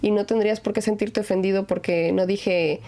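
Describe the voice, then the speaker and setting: A woman's voice: mid-range voice, fairly even intonation, normal speed, warm tone. A young adult woman from Mexico, hosting a podcast and chatting reflectively in a neutral Mexican accent, with many fillers. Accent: neutral Mexican Spanish. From Mexico (Aguascalientes). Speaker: podcast host. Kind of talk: casual conversation.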